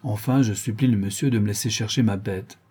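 A man reading the part of a cunning old one-eyed woman thief, reporting in brisk detail in an audiobook. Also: fairly low pitch, mellow, husky.

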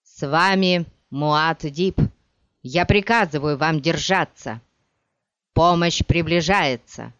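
A reader voicing a blind young male emperor who speaks calmly and with command, in a dull, dry audiobook recording. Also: mid-range voice, measured pace, clean tone, no echo, lightly acted. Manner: steady, commanding, prophetic. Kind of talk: audiobook character reading.

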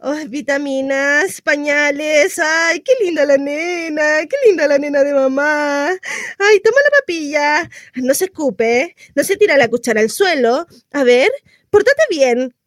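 A fussing young mother coos and scolds her baby girl in a high, drawn-out voice, slow and exclamatory, as a woman acts her out. The sound is dry and close, with no room around it. It is an experimental radio theatre monologue. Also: no echo. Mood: doting, scolding. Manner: exclamatory, cooing and scolding by turns.

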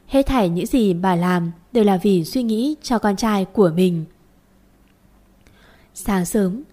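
A woman's voice: medium pitch, warm tone. A woman narrating a first-person family drama story with dramatic delivery.

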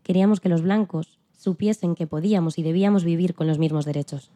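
In a fairly low, fast voice close to her everyday one, a woman portrays an elderly civil rights activist looking back on her struggle. She is calm, earnest, plain-spoken and resolute, telling the scripted first-person story as a guest in a dramatized podcast interview.

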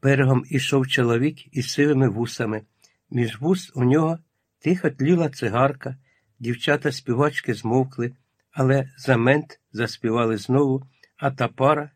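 A man narrating a literary audiobook in a calm, measured storytelling manner, with a husky voice. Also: medium pitch, dry recording, clean studio sound.

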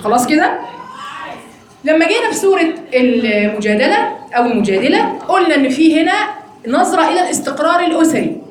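A woman with an Egyptian accent teaching an interactive Quran study lesson, quizzing her students in a quick, teasing way. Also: very high voice, animated, heavy reverb, a little hiss or hum. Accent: Egyptian Arabic.

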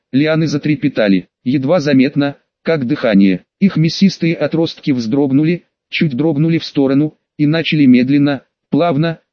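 A man's voice: a little high, no room sound, muffled recording. A man reading a scripted audiobook narration into a close microphone.

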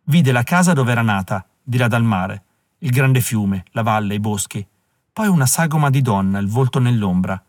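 Measured male audiobook narrator, dry sound. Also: mid-range voice, no echo. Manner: measured, even reading.

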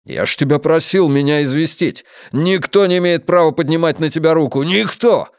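A man's voice: a little high, moderate pace, no room sound, voice pushed up, lightly acted. A jealous, hot-headed police officer voiced by a man reading aloud talks in an angry, raised, crude voice. Dry, close audiobook recording. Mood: agitated.

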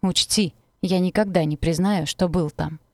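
A woman's voice: on the low side, moderate pace, darkish tone, no room sound, studio quality, lightly acted. A woman reading the part of a bitter teenage boy in an audiobook who taunts and blames the girl he speaks to. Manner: taunting, venomous.

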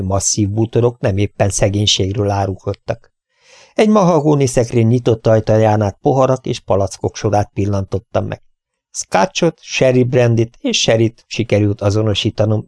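A man reads a first-person story aloud in a calm, steady way. His voice sits fairly low and sounds dry and close to the mic, with no room sound. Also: dry recording. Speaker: audiobook reader. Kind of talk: first-person audiobook narration.

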